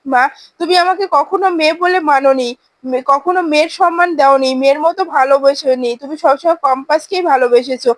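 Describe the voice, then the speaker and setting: A woman's voice: high-pitched, a little fast, no room sound, natural voice. Woman voicing a bitter, defiant young daughter. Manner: harsh, defiant.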